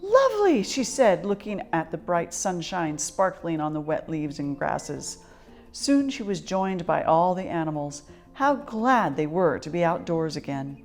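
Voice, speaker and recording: A children's storybook is read aloud by a female storyteller whose voice sits lowish. Her delivery is expressive, measured and clearly articulated, accompanied by faint background music.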